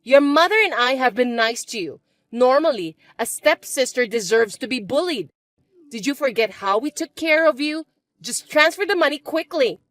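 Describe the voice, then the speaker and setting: A woman voicing a spiteful, bossy young stepsister who talks in a shrill, mocking, shouty way. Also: expressive, moderate pace, dry recording. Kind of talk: chat-story voice acting.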